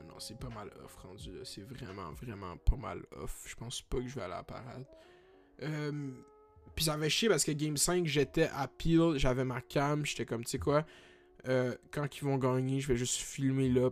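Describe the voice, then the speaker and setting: A man's voice: mid-range voice, a little mellow. A young man with a Québécois French accent, ranting casually on his vlog, full of slang, English words and swearing, recorded on a camera. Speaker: vlogger.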